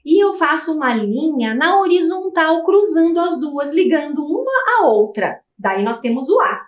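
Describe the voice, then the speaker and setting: A woman's voice: high voice, sing-song, normal speed, roomy sound. A Brazilian woman teacher patiently explaining step by step in a televised lesson for young children. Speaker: primary school teacher.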